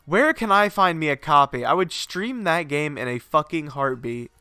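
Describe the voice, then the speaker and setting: His voice is a little high, bright and forceful, with lively intonation at normal speed and a clean tone free of room sound. Stuffy-nosed and sinusy, the young gamer rambles through casual live-stream chat from his garage setup, swearing freely.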